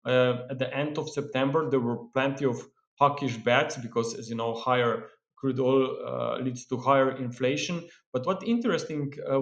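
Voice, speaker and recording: A man giving a market analysis commentary in a steady, explanatory way, often pausing with "uh" and "um". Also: mid-range voice. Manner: steady explanatory delivery with frequent "uh" and "um" fillers. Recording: roomy echo.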